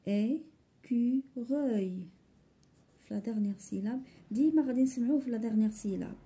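A woman's voice: on the high side, rapid-fire, mellow, breathy edge. A woman with a Moroccan accent teaching a French phonics lesson to young pupils, explaining in Moroccan Arabic and repeating each word twice. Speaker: primary school teacher.

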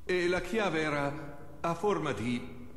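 An actor playing a shifty, pompous peeping man who fancies himself a gentleman philosopher, in a video game. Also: fairly high pitch, lively intonation, takes it slowly. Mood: sheepish excuses. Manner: evasive, pompous. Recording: roomy reverb, faint background noise.

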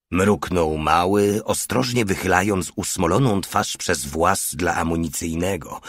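A man reading an audiobook as narrator, with steady, grave scripted narration. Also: low voice, husky, dry recording, clean studio sound.

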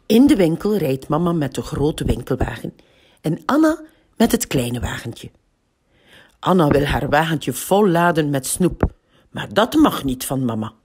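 Flemish woman, library storyteller: slow, husky, very expressive children's reading. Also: deep voice. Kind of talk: reading a picture book aloud to children.

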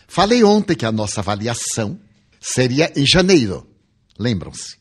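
Older brazilian guy telling stories in a lecture, husky voice, pitch jumps all over, acts out the lines. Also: moderate pace. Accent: Brazilian Portuguese. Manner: lively storyteller, acts out dialogue, playful humor. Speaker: spiritual lecturer. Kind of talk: public lecture with personal anecdotes.

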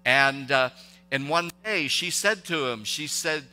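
Forceful pastor preaching in a reverberant church. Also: male voice, mid-range voice, animated. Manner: conversational, halting, many restarts and rhetorical questions. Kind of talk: sermon. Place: church sanctuary. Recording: long reverb of a church hall.

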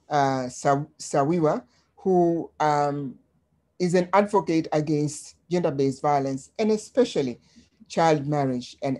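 A woman from Tanzania presenting slides on a webinar in a measured way, with frequent ums, over a video call. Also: sits low, dark tone.

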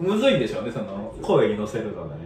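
A man's voice: fairly low pitch, wildly swooping pitch, racing, heavy background noise. A man chatting casually as a co-host during a match. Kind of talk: casual chat. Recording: echoey room, distant mic, music behind.

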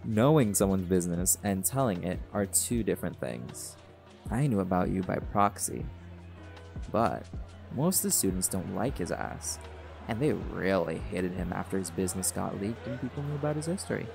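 A man's low-pitched, expressive voice, creaky and a little mellow, moves at a moderate pace through a scripted audio roleplay monologue. He plays a laid-back, cocky male jaguar shifter who is a pack alpha and teases casually, with party music playing behind.

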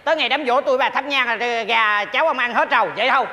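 An actor playing a cheeky, stingy rural older husband, arguing in a stage comedy sketch. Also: male voice, very high-pitched, fast talker, in a large hall, heavy background noise. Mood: teasing. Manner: glib, teasing, argumentative.

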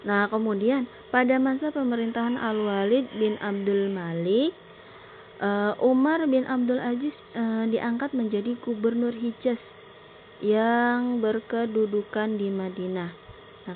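A woman teacher giving a recorded slideshow lesson, explaining slowly and often pausing on filler words. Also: medium pitch. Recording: tinny phone-like sound with faint noise.

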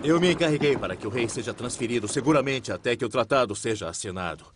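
A man's voice: medium pitch, lively intonation, fast, very noisy, natural voice. An actor dubbing a stern army general who rallies his troops in a film trailer, speaking in a commanding, grave manner.

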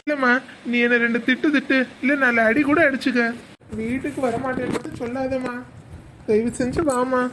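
A contrite middle-aged husband pleads and apologizes to his wife, voiced by a woman in a fairly high register. The tone stays pleading throughout, with faint background noise in the recording. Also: flat delivery, a little fast, natural voice. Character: remorseful middle-aged husband begging his wife's forgiveness.

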